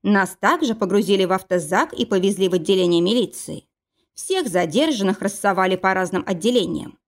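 A woman narrating a first-person audiobook in a steady, even reading style. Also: mid-range voice, fairly quick.

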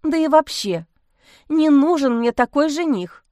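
A woman voicing a flustered, tearful young gentlewoman who pouts and whimpers. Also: animated, no echo, studio quality. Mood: plaintive. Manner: high, plaintive and quick to whimper.

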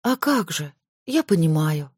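A woman voicing a sly young woman dancer in an audiobook, coaxing and breathy. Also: mid-range voice, very animated, normal speed, a little mellow, dry recording, clean studio sound, voice pushed up.

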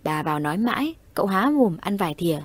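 A woman narrating a ghost story in a steady storytelling voice. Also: medium pitch, fast, no room sound, studio quality. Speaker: audiobook narrator.

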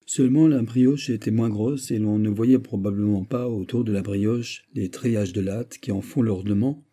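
A man reading a classic novel aloud in a measured, even way. His voice is deep, very dark and mellow, with a husky edge. The pace stays steady throughout. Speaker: audiobook narrator. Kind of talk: scripted narration.

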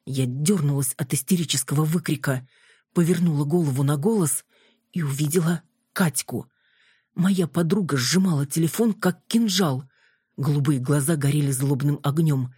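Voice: mid-range voice, moderate pace, warm tone, slightly rough, no echo, clean studio sound. An audiobook narrator reading a first-person story with emotion.

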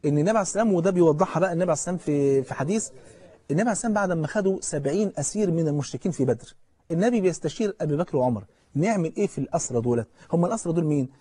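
A man with an Egyptian accent preaches at a rapid clip, his voice husky and mellow. He tells stories with animation and keeps asking his listeners questions, then slows down to recite scripture solemnly. The sound is close and dry. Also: on the high side, animated, no room sound. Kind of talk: colloquial religious lecture.

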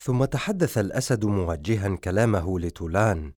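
Expressive male audiobook narrator. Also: low voice, normal speed, no room sound, clean studio sound. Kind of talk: scripted narration of a novel.

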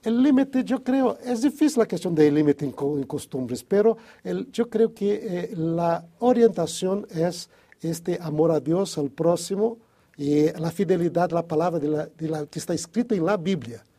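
Husky man with a tinged Spanish. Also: high-pitched, moderate pace, warm tone. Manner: hesitant, restarts often, thinks aloud. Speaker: Bible study co-host. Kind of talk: casual religious discussion.

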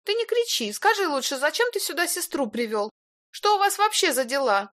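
A woman's voice: high-pitched, lively intonation, moderate pace, fairly bright tone, voice pushed up. A woman voicing a nasal, whiny young woman. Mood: irritated wheedling. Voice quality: nasal, slightly husky. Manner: whiny, needling, sugary then cold. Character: nasal, fussy young woman, a man's fiancée. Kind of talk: audiobook character voice.

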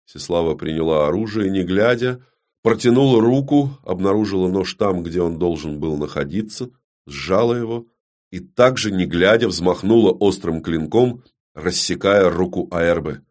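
Low-voiced man narrating gravely. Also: lively intonation, normal speed, a little mellow. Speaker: audiobook narrator. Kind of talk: dramatic fantasy audiobook narration.

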